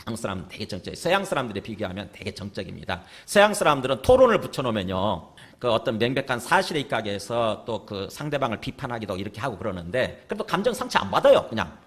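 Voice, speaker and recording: A man's voice: on the low side, big pitch swings, quick pace, fairly bright tone. A male pastor preaching a sermon in a conversational way, often asking the congregation rhetorical questions. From South Korea.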